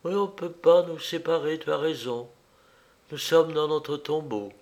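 A man voicing a frightened young woman trapped in the dark, pleading in a raised, trembling voice. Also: a little high, a little slow, pitched above the performer's own voice.

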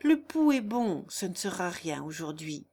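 A grave male country doctor gives instructions with chilling calm, as a woman narrator puts him on. Her voice drops low for him and stays slow and measured, like a storybook reading. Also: slightly rough, full character voice. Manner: cool, matter-of-fact.

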